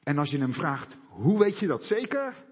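Animated high-pitched preacher in an echoey hall. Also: male voice, normal speed, breathy edge. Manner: animated, asks and answers rhetorical questions. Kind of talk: sermon. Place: church hall.

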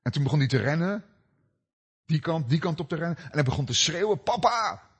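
A middle-aged man preaching a sermon, telling stories with dramatic swings between loud cries and hushed, low passages. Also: quick pace, breathy edge. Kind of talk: sermon with personal story.

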